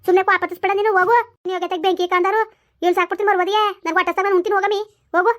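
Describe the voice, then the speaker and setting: A fast, high-pitched voice of a sharp, dismissive village mother-in-law, played by a woman in a homemade family drama. She scolds in quick bursts and cuts others off. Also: little pitch movement, natural voice. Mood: scolding. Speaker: village skit actor.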